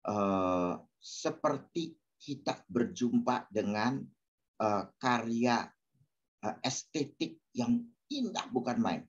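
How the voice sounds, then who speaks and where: A man's voice: fairly low pitch, slightly rough. A man answering questions in a casual spiritual talk, hesitant with many fillers, asking his listeners questions. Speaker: speaker answering audience questions. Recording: dull lo-fi sound.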